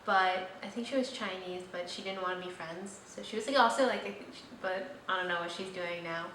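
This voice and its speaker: Her voice is fairly low yet fairly bright, and she talks fairly quickly. The young woman is hosting her vlog, rambling casually with lots of fillers, in an echoey room with a slightly distant mic and faint noise.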